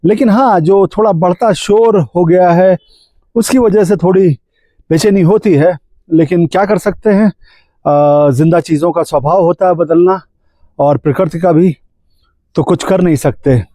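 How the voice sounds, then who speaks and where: A man's voice: high-pitched, a little slow, dark tone, no echo. A man voicing a friendly, easygoing talking mountain path in a storybook-style tale. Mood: resigned.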